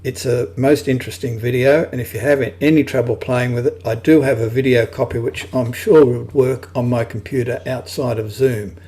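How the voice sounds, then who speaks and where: A man's voice: medium pitch, fairly even intonation, moderate pace, hardly any pauses, mellow, husky. A man hosting an online club meeting over a video call, talking in a chatty, apologetic way. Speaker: meeting host.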